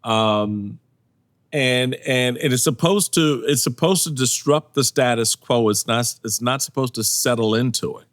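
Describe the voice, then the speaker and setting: A man in his sixties, a guest in a casual interview, telling lively stories and acting out what people said, laughing often. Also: mid-range voice, a little slow, no room sound. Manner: animated storyteller, acts out quotes, laughs often. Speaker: podcast guest, former party chairman.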